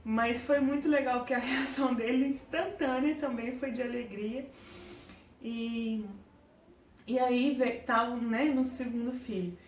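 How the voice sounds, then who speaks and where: A woman's voice: fairly high pitch, steady tone, unhurried, echoey room, distant mic, a little hiss or hum. A young woman with a Brazilian Portuguese accent, telling a personal story to her vlog camera in an earnest way, in short broken phrases. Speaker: parenting vlogger.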